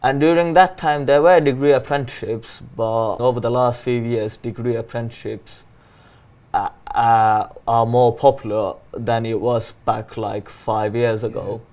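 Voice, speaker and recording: A man's voice: mid-range voice, fairly even intonation, moderate pace, darkish tone. A man in his twenties talking in a casual conversation about his engineering apprenticeship, earnest and often restarting sentences. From Finland. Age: 20s.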